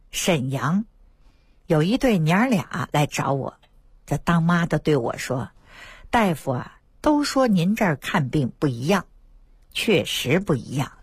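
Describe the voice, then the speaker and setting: 沙哑的女中医，讲话抑扬顿挫. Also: female voice, sits low, slightly rough, dry recording. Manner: lively storytelling, acts out patients' quoted words. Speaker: traditional Chinese medicine doctor on radio. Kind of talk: radio health talk with storytelling. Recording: dry radio studio.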